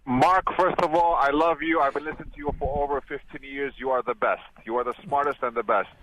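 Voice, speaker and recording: A man's voice: mid-range voice, steady tone, a little fast, a bit bright, slight background noise. A man from Brooklyn calling a talk radio show, speaking passionately and insistently. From Brooklyn, New York. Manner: passionate, insistent, keeps asking "okay?". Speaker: caller. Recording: muffled phone call.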